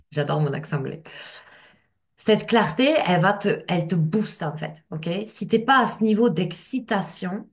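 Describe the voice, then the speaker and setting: A woman's voice: fairly low pitch, lively intonation, measured pace. A woman giving a casual coaching talk to camera as a business coach, speaking straight to the listener and checking in often.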